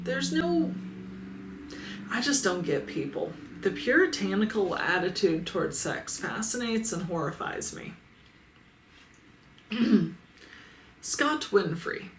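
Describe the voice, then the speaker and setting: Her pitch swings widely in a mid-range voice, and she speaks slowly with frequent pauses, slight background noise behind her. She's a Midwestern woman, an adult toy reviewer on YouTube, reading viewer comments in a casual vlog with bluntness, sarcasm and plenty of swearing. Faint ambience and a roomy echo fill the recording.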